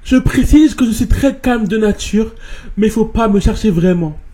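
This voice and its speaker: Animated man reading stories, mixing English slang. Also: high-pitched, moderate pace. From France. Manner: animated, repeats words, mixes English slang. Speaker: host reading viewers' stories. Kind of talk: casual reading and commentary.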